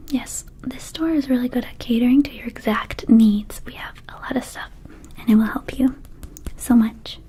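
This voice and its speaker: This ASMR performer voices a sweet, absent-minded young vampire working a shop counter, speaking in a soft, breathy whisper at normal speed. Her fairly high voice rambles hesitantly and casually, with a soothing feel.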